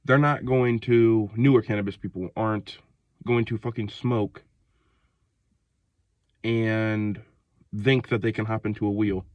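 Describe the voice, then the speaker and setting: This Ohio vlogger, a man in his twenties in the United States, speaks in a lowish, steady voice at a measured pace with long pauses, recorded dry with the highs cut off. Outdoors in the cold, sick and short of breath, he delivers a loose, slangy rant riddled with fillers and restarts.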